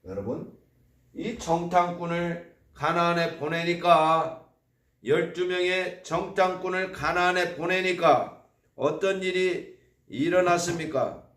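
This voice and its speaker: A man preaching a sermon who keeps asking his congregation questions, switching between loud emphasis and soft asides. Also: sits high, slow pace. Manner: asks the congregation rhetorical questions. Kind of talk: evangelistic sermon. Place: church service hall. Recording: roomy, voice from far off the mic.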